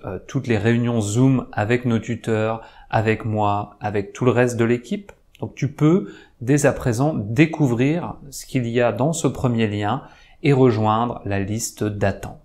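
A man from France, middle-aged, teaches a language lesson in a calm and patient voice. He speaks directly to the learner at a medium pitch, walking them through each step. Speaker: French teacher. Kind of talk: clear spoken language lesson.

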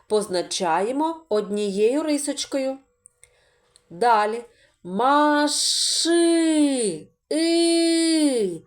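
A woman's voice: on the high side, darkish tone. A woman teaching a literacy video lesson for preschool children, patiently sounding out words and asking the kids questions. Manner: patient, slow and singsong, stretching out sounds for children.

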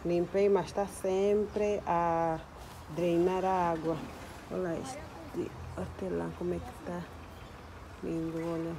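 A woman's voice: fairly low pitch, slow pace. Young woman, chatty home vlog, worn out, phone mic with audible background noise. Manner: chatty, addresses viewers as sisters. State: tired. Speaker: vlogger. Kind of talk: casual chat to camera. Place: apartment and plant-filled balcony. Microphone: phone at arm's length.

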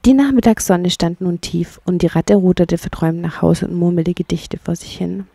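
A woman calmly narrating a children's bedtime story. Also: on the low side, moderate pace, vocal fry, breathy edge, dry recording. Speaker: audiobook narrator.

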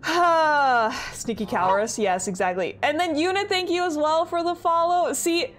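Bubbly high-voiced young woman streamer. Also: measured pace, fairly bright tone. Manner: giggly, bubbly, self-deprecating. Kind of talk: casual live-stream chat while gaming. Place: home apartment. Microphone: headset.

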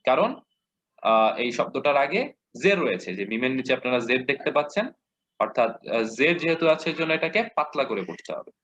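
A man with a Bangladeshi Bengali accent teaching a lesson, patiently repeating examples and modeling slow recitation. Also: medium pitch, lively intonation, fairly bright tone. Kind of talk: explanatory lesson. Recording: dull lo-fi audio.

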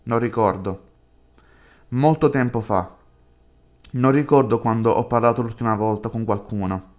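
A lonely young woman who has withdrawn from the world, as a man reads her lines in a slow, unhurried, subdued voice. The delivery stays flat and quiet, the way a game's dialogue is read aloud. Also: medium pitch, close to an everyday voice.

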